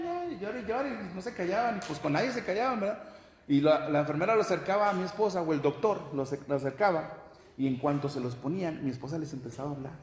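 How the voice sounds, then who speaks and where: A man preaching a sermon as pastor, emphatic and calling out "hermano" to his listeners. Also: on the high side. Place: church hall. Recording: echoey church hall, faint noise.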